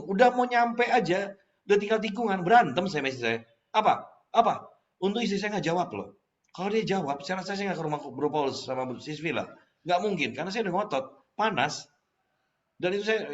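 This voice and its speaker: A man telling his personal faith testimony in casual spoken style, acting out past lines as he tells the story. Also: high voice. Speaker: testimony speaker. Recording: slightly muffled recording.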